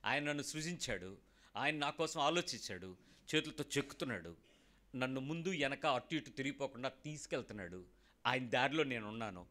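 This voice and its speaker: Bright-voiced animated male preacher. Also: mid-range voice, a little fast. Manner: animated, rhetorical questions, calls for responses; mixes in English phrases. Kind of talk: sermon to a congregation.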